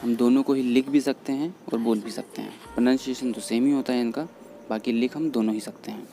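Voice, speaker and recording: Gravelly-voiced man teaching words. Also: mid-range voice, steady tone, mellow. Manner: patient, repeats each word slowly. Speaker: English teacher. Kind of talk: explaining vocabulary in Hindi over slides. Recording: faint background music under voice. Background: faint background music.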